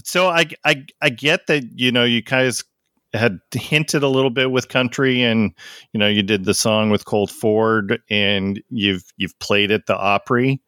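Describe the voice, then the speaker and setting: A man's voice: medium pitch, measured pace, fairly bright tone, dry recording, clean studio sound. A man hosting a podcast, chatting casually with a guest in an informal interview style. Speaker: podcast host.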